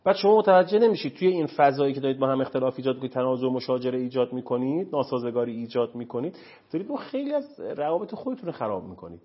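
A man's voice: medium pitch, animated. A man speaking as a counselor on a talk show, earnest and emphatic, lecturing. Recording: dull lo-fi recording.

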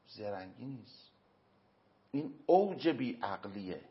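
A man answering as an interview guest, giving earnest moral and religious advice through everyday examples, with emphatic pauses. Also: medium pitch, very animated, husky. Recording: dull lo-fi recording.

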